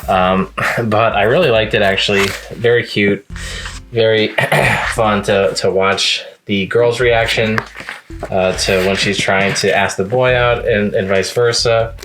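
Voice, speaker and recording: A man's voice: lowish voice, fairly even intonation, unhurried, noisy background. A man casually reviewing the manga he read that week, rambling along with lots of fillers and restarts. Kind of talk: casual reading-log review.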